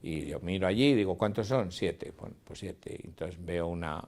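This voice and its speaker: A man's voice: low voice, moderate pace, a little mellow. An older man, a cinematographer telling stories in an interview, acting out dialogue and sounds. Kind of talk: interview reminiscence.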